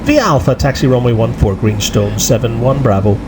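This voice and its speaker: A man's voice: mid-range voice, brisk, heavy background noise. A middle-aged man making clipped, formal pilot radio calls into a headset microphone.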